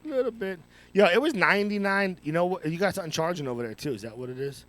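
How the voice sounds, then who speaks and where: Loud joking New podcast host. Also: male voice, fairly high pitch, rapid-fire. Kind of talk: casual live podcast chat. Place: office studio. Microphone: headphones and studio mic.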